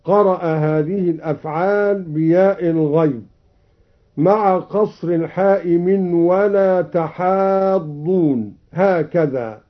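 A man with a high, unhurried voice teaches scripture readings. He moves between plain explanation and slow, drawn-out melodic chanting. The recording is dull and lo-fi. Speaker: Quran recitation teacher.

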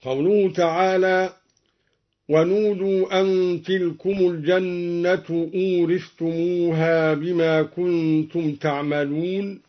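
A man teaching Quran recitation in a measured, deliberate way, explaining each reading and then chanting the verse. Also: high voice, level tone. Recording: dull lo-fi recording.

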